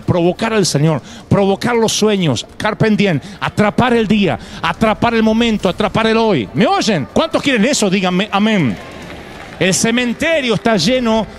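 A man pastor preaching a live sermon to a congregation, emphatic and punctuated with humorous asides and acted quotes. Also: high voice. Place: church before a congregation.

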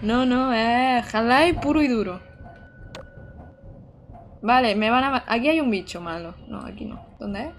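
Excitable high-voiced woman streamer. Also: measured pace, long pauses, a little hiss or hum. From Almería, Andalusia, Spain. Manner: chatty and excitable, talks to chat, exclaims often. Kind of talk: live-streamed gameplay commentary.

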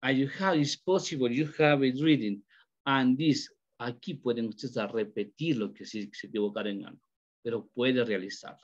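A man's voice: mid-range voice, moderate pace. A man teaching an English class online, switching between Spanish and English and encouraging his students. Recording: dull lo-fi audio.

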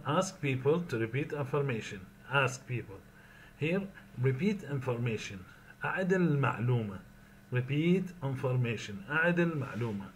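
A man with an Iraqi accent teaching an English lesson, reading each phrase slowly, repeating it, then translating it. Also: medium pitch, slight background noise.

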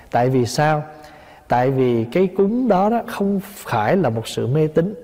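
A man's voice: medium pitch, dark tone. A man, a Buddhist monk, giving a dharma talk, explaining patiently and asking listeners rhetorical questions. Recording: long hall reverb.

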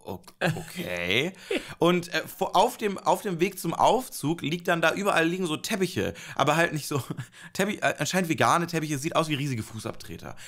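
A man's voice: fairly high pitch, animated, brisk, a bit bright. A man co-hosting a podcast, telling a rambling anecdote in casual chat, laughing often and acting out quotes. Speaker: podcast co-host.

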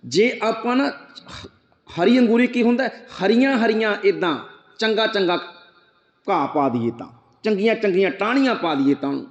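A man giving a sermon, explaining scripture line by line, asking rhetorical questions, reciting verse slowly and speaking straight to his listeners. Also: high-pitched, animated. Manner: addresses listeners directly. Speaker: preacher. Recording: echoey hall, dull lo-fi sound.

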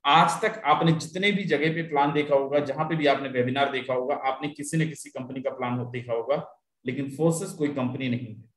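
A man's voice: mid-range voice, fairly even intonation, brisk, fairly bright tone. A man presenting a live webinar, pressing the same points again and again. He slips English phrases in as he goes. His voice carries a roomy echo. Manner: repetitive, insistent, mixes English phrases into Hindi.

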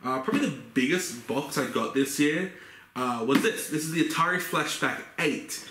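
A man's voice: on the high side, normal speed. Young aussie guy chatting about his gifts, lots of uhs, roomy echo and a bit of hiss. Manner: relaxed, rambling, many fillers. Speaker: vlogger. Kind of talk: casual haul video. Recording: echoey room with faint noise.

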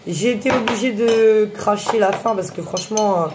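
A woman's voice: medium pitch, normal speed. A young woman chatting casually to camera as host of a food challenge, exclaiming and complaining with her mouth burning from spicy food. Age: young adult. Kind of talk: casual chat to camera in a chilli candy challenge. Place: small kitchen, indoors. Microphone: phone on the table. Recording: echoey kitchen, noisy phone recording.

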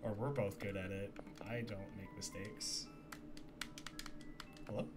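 A streamer chatting casually over a game, excitable, self-mocking and quick to swear. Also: low-pitched, loud music behind the voice.

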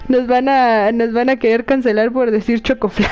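A woman's voice: fairly high pitch, heavy background noise. A young Mexican woman streaming a game live, chatting playfully with her viewers and laughing often. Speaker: Twitch streamer. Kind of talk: casual live-stream chat while gaming.

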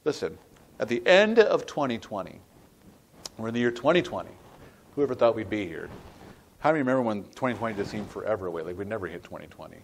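A middle-aged man, a pastor, preaching a sermon with emphatic, dynamic delivery, reading scripture slowly and deliberately. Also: big pitch swings, a little hiss or hum. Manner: emphatic preaching, swinging from loud rising peaks to quiet low asides.

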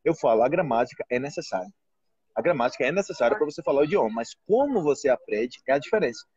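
Speaking quickly and animatedly in a husky, darkish, medium-pitched voice, a Brazilian man in his thirties chats casually on a live video call from indoors at a restaurant. He teaches Portuguese and hosts a channel, and he often asks "entendeu?". The phone is held close on the front camera, giving a muffled recording with no echo.

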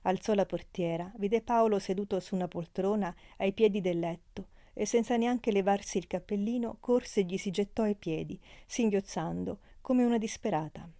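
A woman narrating an old novel as an audiobook in a measured, expressive reading. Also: mid-range voice, no room sound, clean studio sound. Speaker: audiobook reader.

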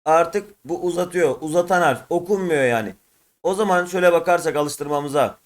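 A man who speaks Turkish natively, teaching an Arabic lesson and drilling letter sounds in loud repeated pairs. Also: a little high, normal speed. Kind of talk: classroom lesson.

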